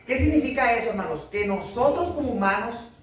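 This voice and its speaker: A man's voice: extremely high pitch, animated, brisk. Man, pastor, preaching with emphasis, echoey room, heard from a distance, congregation chiming in behind. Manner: emphatic preaching, calls for amen, rhetorical questions. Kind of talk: sermon. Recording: echoey church hall from afar. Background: congregation responding.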